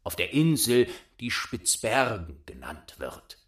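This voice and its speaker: A man voicing a gentle, homesick reindeer in a storybook, speaking low, slow and wistful. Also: big pitch swings.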